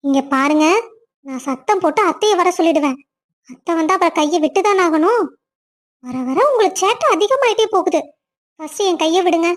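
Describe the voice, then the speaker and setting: A woman's voice: extremely high pitch, animated, brisk. A woman voicing a young cartoon wife, emotional and weepy, who pleads with her husband. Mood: protesting. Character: young wife Vennila, tearful and loving. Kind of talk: cartoon family drama voice acting.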